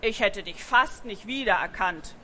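A woman voices a friendly farm woman in a storybook, greeting guests in a welcoming way, her voice a bit lowered and softer. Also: expressive, unhurried, a little hiss or hum. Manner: welcoming, surprised.

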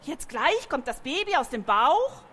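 A woman's voice: high-pitched, very animated, unhurried, a bit bright, slight background noise, pitched above the performer's own voice, exaggerated voice. A woman voicing a small, curious, nervous young pony in a storybook, with an eager, questioning manner.

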